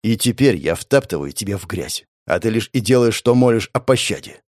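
A man voicing a young commoner student fighter who speaks slowly with cold contempt and menace. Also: on the low side, expressive, a little mellow, no echo, studio quality, natural voice.

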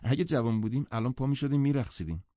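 A man's voice: mid-range voice, lively intonation, dark tone, no echo, pitched above the performer's own voice, natural voice. A male audiobook narrator voicing a restless, spoiled young woman who complains, in a dry, muffled recording. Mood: petulant. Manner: petulant and complaining. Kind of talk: audiobook character voice.

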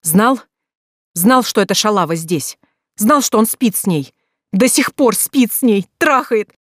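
A narrator voicing a furious, betrayed young wife who shouts crude accusations in an audiobook. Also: medium pitch, normal speed, no echo, clean studio sound, close to an everyday voice.

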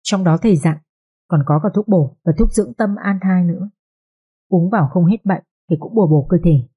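A woman's voice: fairly low pitch, brisk, husky, lo-fi sound. A woman voicing a scheming second wife who speaks in a falsely sweet, coaxing voice in an audio story. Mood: commanding.

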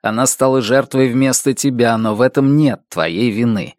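A man's voice: medium pitch, normal speed, a little mellow, no room sound, natural voice. A stern young violinist gives clipped, commanding orders, as a man reading the tale voices him. His tone is harsh and gives no ground. The sound is dry and close. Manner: curt, commanding. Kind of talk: audiobook reading.

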